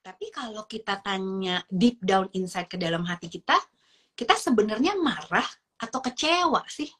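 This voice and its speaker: A woman's voice: mid-range voice, moderate pace, slightly rough. A woman explaining child emotions in a chatty, casual way, mixing in English words. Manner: lively, acts out little dialogues in shifting voices. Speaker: parenting educator.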